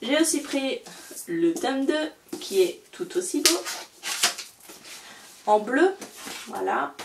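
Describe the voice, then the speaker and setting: Speaking slowly with huge swings in her high pitch, a young woman chats eagerly about her latest book purchases for a casual haul vlog, stumbling through many fillers and restarts. Background noise is audible, and the sound is roomy, with her a bit distant from the microphone.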